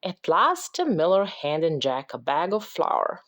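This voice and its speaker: Woman, mom, children's book read-aloud, slow, lively melody. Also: fairly low pitch, slight background noise. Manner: slow, expressive storytelling. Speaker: parent reading aloud.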